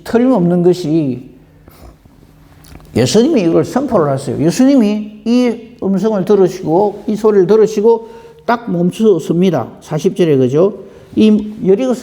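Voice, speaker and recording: Animated woman pastor preaching with long reverb. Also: medium pitch. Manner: animated, rhetorical questions, acts out quotes. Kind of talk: early-morning sermon.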